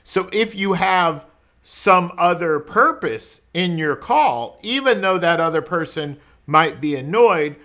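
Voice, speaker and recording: A criminal defense lawyer explains the law to camera in an informal, colloquial way, often asking rhetorical questions. His voice is high and sharp-toned with lively intonation, and he speaks at a slow pace.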